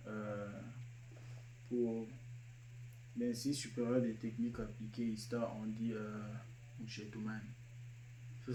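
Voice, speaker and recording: A man explaining slang terms one by one, repeating each word and pausing with fillers. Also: mid-range voice, echoey room. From Kinshasa, DR Congo. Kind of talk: casual explanatory talk.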